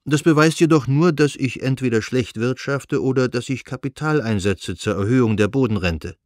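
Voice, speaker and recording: A man voicing an affable male nobleman who speaks in a relaxed, genial manner, as in a read-aloud novel. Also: mid-range voice, normal speed, no room sound, studio quality, natural voice. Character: affable male district nobleman, smooth and evasive.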